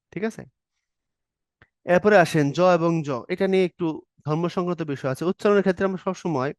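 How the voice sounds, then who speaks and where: A man with a fairly high voice teaching an exam-prep grammar class. He explains each rule step by step, acts out short example questions and answers, and keeps asking whether the students are following. The recording is dry and close. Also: no room sound.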